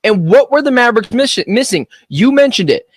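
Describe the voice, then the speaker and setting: A man with an extremely high-pitched voice co-hosts a sports betting radio show, animated and quick with joking asides while opinionating into a studio mic. The recording is dry.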